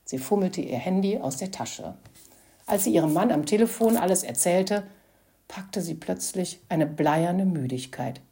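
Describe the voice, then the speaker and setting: Mellow-voiced woman reading a story. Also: fairly low pitch, measured pace, gravelly, slightly rough. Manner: expressive storytelling. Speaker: narrator. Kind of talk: scripted narration of a story.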